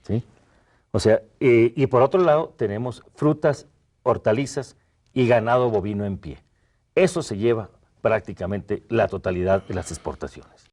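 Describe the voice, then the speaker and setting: A man's voice: on the low side, moderate pace, a little mellow. A man answering an interview in a conversational, explanatory way.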